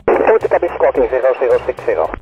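Dutch-accented pilot over aircraft radio. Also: male voice, medium pitch, sing-song. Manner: brisk readbacks with hesitant fillers. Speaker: military fighter pilot. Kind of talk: radio phraseology. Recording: muffled radio transmission with faint music.

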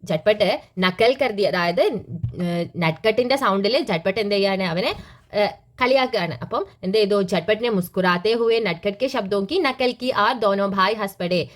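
A woman teacher explaining a school reading lesson. She reads lines slowly, then explains them, often asking a question and answering it herself. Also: mid-range voice.

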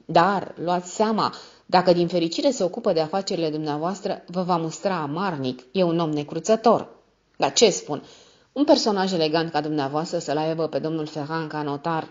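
A woman's voice: low-pitched, highs cut off, lightly acted. A woman reading as a sly, honeyed schemer. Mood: sweetly teasing.

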